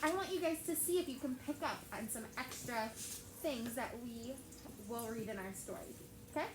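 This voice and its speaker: During a classroom read-aloud, a young woman in a fairly high, expressive voice at normal speed keeps asking the children questions in a chatty way, with heavy use of "like." She's an elementary school teacher, and the room sounds echoey and noisy.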